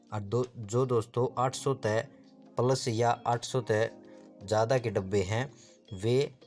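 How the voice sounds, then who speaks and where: Low-voiced Haryanvi man explaining. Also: a little mellow. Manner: folksy, repeatedly addresses listeners as friends. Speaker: host of an explainer channel. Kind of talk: casual explainer voice-over.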